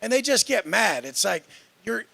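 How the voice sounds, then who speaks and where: A man with a high, very gravelly voice and a bright, tense edge talks in a brash, cocky rant. He curses constantly and dismisses everyone around him. The sound is dry and close. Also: sing-song, moderate pace, dry recording. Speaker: fitness influencer in a clip.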